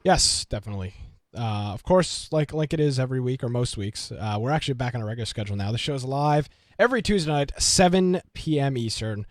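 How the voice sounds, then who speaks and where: A man's voice: mid-range voice, lively intonation, a little fast, dry recording, studio quality. A young man who is a college student, co-hosting a podcast in casual chat with a chatty, upbeat delivery and some hesitation. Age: young adult. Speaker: podcast co-host.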